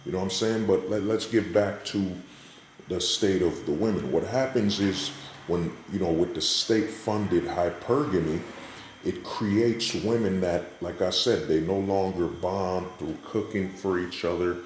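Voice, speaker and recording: A vlogger with a low voice delivers an unhurried, unscripted, opinionated monologue indoors in a hallway, recorded with echo and faint background noise. He speaks emphatically and keeps checking in with the listener through repetitive rhetorical questions.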